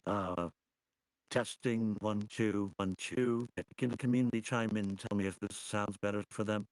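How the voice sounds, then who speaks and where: A man talking on a livestream through a voice changer, halting and full of fillers and restarts. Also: fairly low pitch, steady tone, no echo, rough recording. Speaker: livestream host. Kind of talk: casual livestream commentary. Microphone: computer mic on a livestream.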